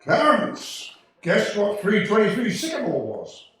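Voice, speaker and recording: A man's voice: high-pitched, huge pitch swings, unhurried, a bit bright, exaggerated voice. A man playing an authoritative heavenly overseer who tells a mortal's story in an instructive, storytelling way for a radio play. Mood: knowing, storytelling. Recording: distant, very echoey stage hall.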